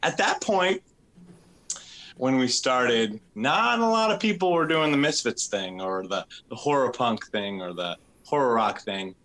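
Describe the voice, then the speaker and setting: A man's voice: mid-range voice, lively intonation, a little slow, fairly bright tone. A man being interviewed about his band, talking in a laid-back way with frequent laughs. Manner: laid-back, laughs often, drawls words. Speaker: drummer and interview guest. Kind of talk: casual interview chat.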